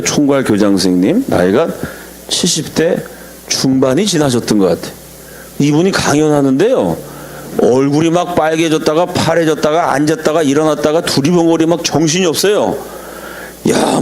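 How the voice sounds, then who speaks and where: A middle-aged man, a pastor, preaching a lecture-style sermon, telling stories animatedly and acting out quotes in sudden high shouts. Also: slight background noise.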